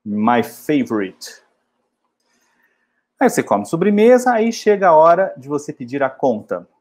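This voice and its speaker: A man from Brazil, teaching travel English in a casual way and repeating model phrases slowly. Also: on the high side, sing-song, a little mellow. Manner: slow, drilled model phrases in English between casual explanations.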